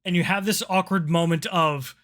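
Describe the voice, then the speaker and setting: A man narrating a tabletop roleplaying game as game master in a casual, halting way. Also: sits high, fairly even intonation, fairly bright tone.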